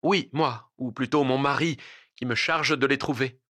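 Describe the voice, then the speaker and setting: A man's voice: mid-range voice, steady tone, normal speed, a bit bright, natural voice. A man reading aloud, voicing a distressed young woman who trembles and pleads, close to tears. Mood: uneasy.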